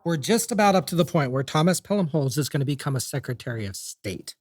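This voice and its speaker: A man's voice: a little high, animated, quick pace, no echo, clean studio sound. A man hosting a podcast, telling history in a chatty, jokey, casual way. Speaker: podcast host.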